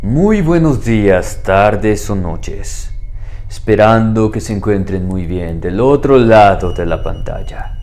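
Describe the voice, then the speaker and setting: A man hosting a horror storytelling channel, greeting listeners in a slow, dramatic, inviting delivery. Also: lowish voice, expressive, a little mellow. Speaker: channel host. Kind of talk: scripted horror show intro. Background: faint music.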